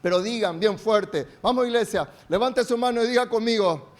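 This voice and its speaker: A man's voice: sits high, normal speed. A male pastor with a Paraguayan Spanish accent, preaching a sermon with emphatic calls for the congregation to repeat after him and strings of rhetorical questions. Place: church service.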